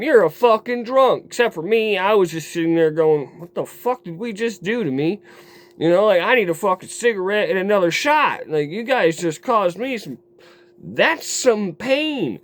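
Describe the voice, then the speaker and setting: A man telling a raw personal story to his camera in a rambling, profane way, dropping low and quiet, then flaring into heated outbursts. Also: expressive, moderate pace. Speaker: vlogger. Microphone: camera mic.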